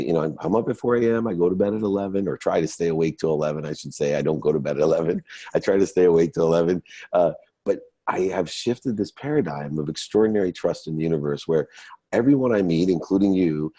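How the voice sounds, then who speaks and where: A fifty-year-old man, a motivational entrepreneur and speaker, appears as an interview guest and gives earnest, emphatic answers. His voice sits low with a warm, slightly breathy tone, and the recording is dry.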